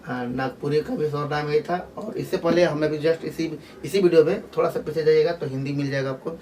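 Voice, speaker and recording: Speaking a little fast in a steady, darkish, slightly high voice, a Jharkhand teacher gives a casual spoken grammar lesson full of repetition, fillers, and restarts. The distant recording carries slight background noise and faint outdoor sound.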